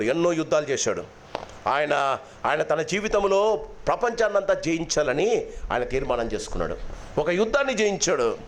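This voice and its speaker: A male pastor giving a loud, impassioned sermon in a church, slipping in English phrases now and then. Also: on the high side, slight background noise. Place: church hall.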